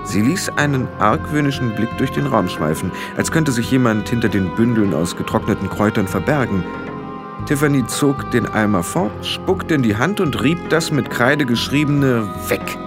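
Lebhafter männlicher Hörbuchsprecher mit Musik. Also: male voice, mid-range voice, animated, moderate pace, music in the background. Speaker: audiobook narrator. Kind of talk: scripted narration.

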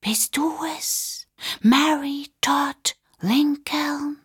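A woman voicing a playful man who fakes a ghostly whisper from behind a closet door, slow and breathy. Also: high voice, steady tone, fairly bright tone, no echo, clean studio sound, pitched above the performer's own voice, full character voice. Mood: spooky teasing.

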